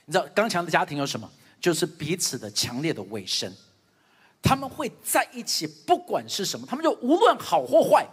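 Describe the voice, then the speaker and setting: A man's voice: high-pitched, slightly rough, in a large hall. A middle-aged male pastor giving a sermon, telling stories about his family and acting out what each person says. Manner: animated storytelling, acting out family dialogue. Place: church stage.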